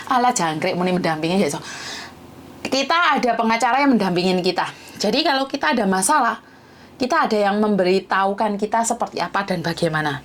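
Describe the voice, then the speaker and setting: A woman's voice: mid-range voice, a little hiss or hum. A woman hosting a phone-in chat with a Javanese accent, casual and chatty, humming along as she listens. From Indonesia. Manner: chatty, mixes Javanese, many listening hums. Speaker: host taking calls.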